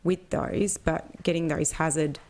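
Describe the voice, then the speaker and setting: A woman's voice: low-pitched, steady tone, a little slow, a little mellow. An Australian woman co-hosting a motorsport podcast, chatting casually and rambling with restarts. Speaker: podcast co-host. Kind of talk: casual chat.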